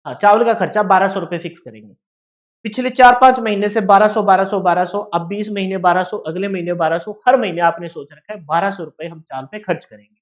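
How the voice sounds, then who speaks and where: A man's voice: sits high, brisk, lo-fi sound. A man with a Haryanvi-tinged Hindi accent teaching an exam-prep maths lesson, explaining with everyday shop scenarios and asking his students questions.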